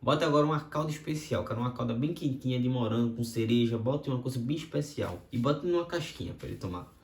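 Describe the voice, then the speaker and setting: A man voicing a calm, patient father who speaks low and gently to his son. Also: quick pace, natural voice. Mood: calm, gentle. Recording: roomy echo.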